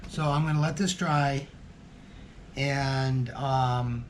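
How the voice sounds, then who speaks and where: A man's voice: medium pitch, fairly even intonation, takes it slowly, a little hiss or hum. A man hosting his own guitar-building vlog, talking casually and hesitantly, thinking aloud with frequent ums and restarts. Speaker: hobby guitar builder and channel host. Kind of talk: casual workshop vlog narration.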